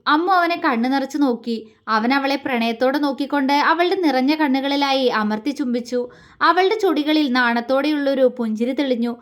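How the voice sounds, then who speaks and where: A woman storyteller reading romantic story narration in a calm, heartfelt way. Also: sits high. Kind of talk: scripted narration.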